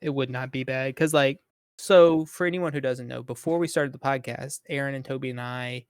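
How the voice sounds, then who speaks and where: Male podcast co-host, mid-pitched, loose rambling chatter, dry mic. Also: fairly even intonation, normal speed, clean tone, no echo. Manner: rambling, filler-heavy, swears casually. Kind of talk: casual chat.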